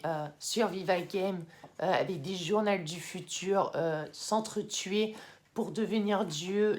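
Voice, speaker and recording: A young woman in casual vlog talk, chatty with many fillers and excited bursts, now and then moving off the mic. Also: mid-range voice. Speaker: YouTuber ranking anime. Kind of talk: casual vlog tier list.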